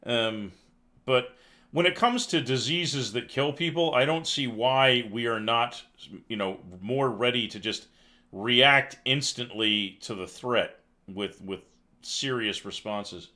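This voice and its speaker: A man reads news headlines on a live stream, then breaks off to mock them with sighs and dry sarcasm. His voice has a bright, forward edge, and his pitch sits in an ordinary middle range. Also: slow. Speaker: livestream news commentary host. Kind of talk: casual live news commentary.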